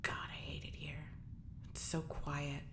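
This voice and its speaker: In an audio drama monologue, an actress whispers as an agitated, defiant woman imprisoned in space, stammering and talking to herself while fighting panic. She sounds weary and uneasy, low-pitched and completely flat, taking it slowly.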